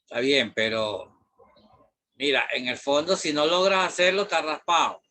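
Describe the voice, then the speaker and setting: A man's voice: fairly high pitch, moderate pace, pushed and bright. A middle-aged man from Venezuela with a Venezuelan accent, a math teacher talking casually and rambling, with many fillers and mild swearing. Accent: Venezuelan Spanish. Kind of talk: casual classroom talk.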